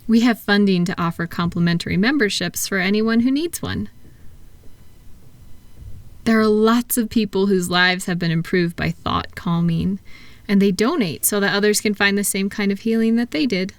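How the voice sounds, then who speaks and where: For a sleep-oriented relaxation roleplay, a woman portrays a patient, kind therapist easing a client's mind, speaking gently and softly in a warm, encouraging, unhurried way. Her mid-range voice sounds natural, with no room sound.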